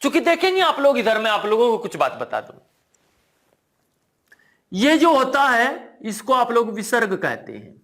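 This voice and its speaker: A high-voiced man with a Hindi accent teaches an online Sanskrit lesson with lively, swooping intonation. He speaks slowly and drills the class, repeating each key word as a question and answering it himself. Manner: asks the class "ठीक है ना?" again and again; drops to a low, quiet voice at times. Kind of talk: online exam-prep lesson.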